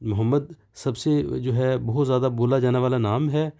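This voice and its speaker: A man's voice: medium pitch, steady tone, normal speed, vocal fry, warm tone. A man teaching beginner German, spelling out each word letter by letter before saying it. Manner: spells out words letter by letter, then pronounces them. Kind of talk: slow explanatory lecture.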